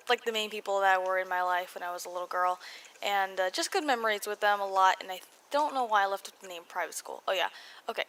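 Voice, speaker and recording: A young woman with an American accent and a mid-pitched voice chats through a personal voice-over for a video blog. Her words come out a little muffled, as if around braces. She rambles, cuts herself off and drops in self-mocking asides. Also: fairly bright tone. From California, United States. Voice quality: slightly muffled articulation from braces. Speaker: video blogger. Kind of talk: casual chatty voice-over storytelling.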